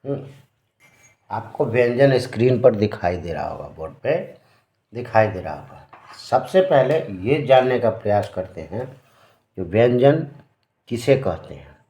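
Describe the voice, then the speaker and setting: Slow, patient male grammar teacher. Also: mid-range voice, animated, mellow. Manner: slow, patient, asks and answers his own questions. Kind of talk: classroom-style lesson at a board. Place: room with a board. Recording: roomy, dull lo-fi sound.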